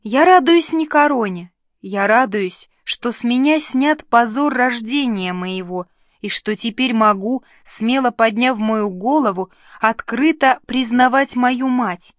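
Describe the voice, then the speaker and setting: A woman's voice: a little high, unhurried, no room sound, clean studio sound, natural voice. A woman voicing an earnest, emotional young princess who speaks in fervent exclamations in an audiobook reading. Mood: overjoyed.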